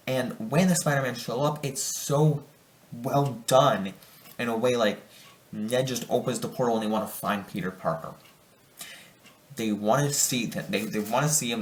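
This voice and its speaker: A man's voice: mid-range voice, reverberant. A young man giving a casual spoiler review of a film, rambling and enthusiastic, often restarting his sentences. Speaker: movie reviewer.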